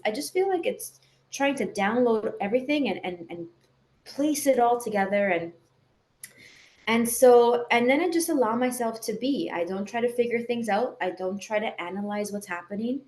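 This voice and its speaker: A woman guest on a live video call, explaining calmly and often checking in with "right?". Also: mid-range voice. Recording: echoey room with faint noise.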